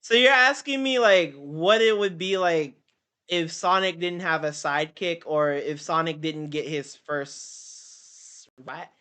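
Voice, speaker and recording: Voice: mid-range voice, slow pace, bright, forceful tone, smooth. A young adult streamer chatting casually in a slangy, repetitive, exclamatory way. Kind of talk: casual reaction chat.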